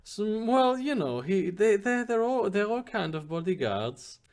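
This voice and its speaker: Man playing a hesitant young woman, swooping pitch. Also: big pitch swings, unhurried, darkish tone. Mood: hesitant, evasive. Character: evasive, modest young woman with many bodyguards.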